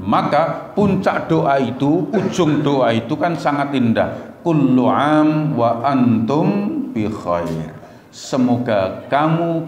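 A middle-aged man with a Javanese accent giving a humorous mosque sermon, telling stories lively and jumping to high excited voices when quoting. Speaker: Islamic preacher and lecturer. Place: large mosque hall. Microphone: stand mic at lectern. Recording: echoey mosque hall, faint ambience.

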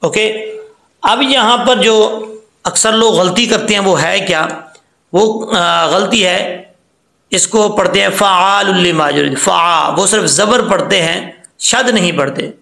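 A man teaching Quran reading, patiently spelling out syllables and slowly chanting the words. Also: high-pitched, gravelly, sharp tone, echoey room.

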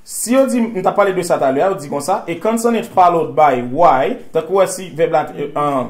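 A man with a Haitian accent teaching English grammar to a class, drilling phrases slowly for students to repeat. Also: a little high.

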